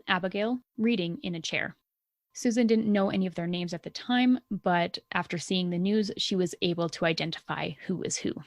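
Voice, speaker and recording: A woman's voice: medium pitch, no echo, studio quality. A young adult woman hosting a podcast, telling a true-crime story in a casual way and reacting bluntly and angrily, with frequent swearing. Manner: blunt, indignant, swears freely. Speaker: podcast co-host.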